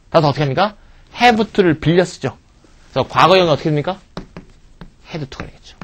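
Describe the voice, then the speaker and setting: A middle-aged man teaching English grammar in a recorded video lecture, animated and playfully teasing, asking rhetorical questions and answering them himself. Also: fairly high pitch.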